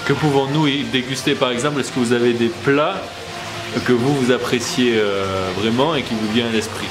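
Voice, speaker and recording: A man's voice: mid-range voice, moderate pace. A man interviewing a restaurant owner, asking prepared questions in a polite, formal way. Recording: echoey room with music behind.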